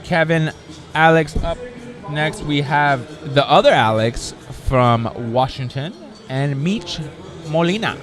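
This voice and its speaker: A man calls a live competition in an upbeat announcer's manner, reading out scores and names. His voice sits a little high for a man. Faint music plays behind him. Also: slow. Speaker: play-by-play commentator. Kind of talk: live event commentary.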